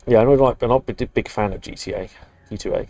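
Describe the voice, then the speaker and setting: A man's voice: medium pitch, fast talker, warm tone, dry recording, soft background music. A British man from the UK chatting casually while live-streaming a game, rambling with dry, muttered asides. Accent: British English. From United Kingdom.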